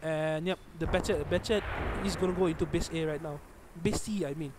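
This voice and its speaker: A young Malaysian man with a Malaysian accent commentating a live online tournament match, excitable and often correcting himself mid-phrase. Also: a little high, brisk. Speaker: esports stream commentator. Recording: noisy background hum.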